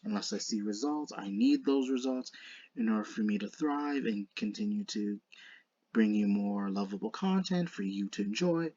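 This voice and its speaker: Lisping man in halting, earnest gamer commentary. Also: fairly low pitch, animated, dark tone, no room sound, dull audio. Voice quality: lisp with slushy s sounds. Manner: halting, repeats and restarts words, earnest. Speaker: video creator narrating a card game duel. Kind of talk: unscripted casual commentary to viewers.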